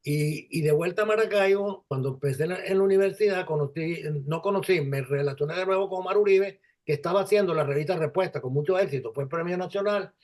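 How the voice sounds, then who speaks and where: A man in his seventies with a Venezuelan Spanish accent, a guest in an interview, speaking in a halting, reflective way with many restarts. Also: sits high, a little mellow. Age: 70s. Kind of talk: conversational interview.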